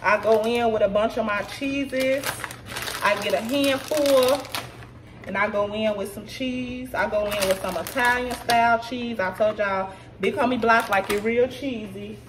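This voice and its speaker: Her voice runs on the high side and she takes her time. She's a thirtysomething vlogger, a bit tipsy, chatting with viewers as "y'all" during a casual recipe walkthrough in her kitchen, captured by a distant camera mic on the counter along with room noise.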